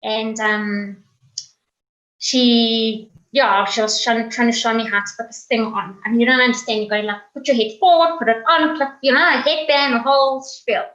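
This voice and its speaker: A woman's voice: fairly high pitch, fairly even intonation, moderate pace, a bit bright, echoey room, muffled recording. A woman giving a candid personal testimony on a video call, telling her story conversationally and acting out what people said to her. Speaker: guest speaker, cancer survivor.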